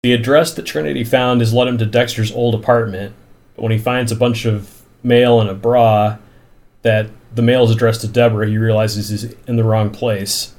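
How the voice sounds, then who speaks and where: A man's voice: mid-range voice, steady tone, moderate pace, darkish tone. A man recapping a TV episode in casual chat, incredulous and given to long run-on stretches of plot. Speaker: podcast host recapping a TV episode.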